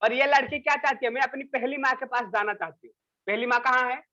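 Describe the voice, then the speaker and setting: A man teaching an English class, reading English lines slowly and then explaining them in Hindi. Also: extremely high pitch, steady tone, bright, forceful tone, muffled recording.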